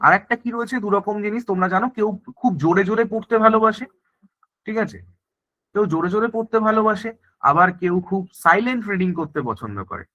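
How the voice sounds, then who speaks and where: A male teacher gives an online exam-prep lecture at a brisk clip. His voice sits high and bright. He keeps checking in with the class as he explains. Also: expressive, muffled recording. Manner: explains in mixed Bengali and English, repeats "thik ache" often.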